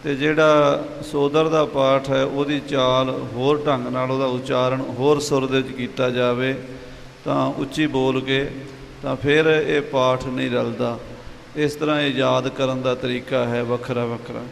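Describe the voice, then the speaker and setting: A man teaching, calmly explaining how to recite the verses, with a gravelly voice. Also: medium pitch, a little slow. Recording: hall reverb with faint hiss.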